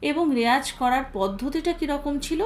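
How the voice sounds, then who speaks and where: A woman's voice: high voice, animated, normal speed, slight background noise. A woman from India explaining a singing lesson to her viewers as their singing teacher. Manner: explanatory, addresses viewers directly.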